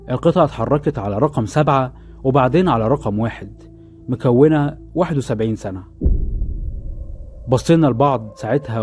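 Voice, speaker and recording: A man's voice: medium pitch, warm tone. A man with an Egyptian accent narrating scripted first-person horror stories in a suspenseful storytelling manner. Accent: Egyptian Arabic. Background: music under the voice.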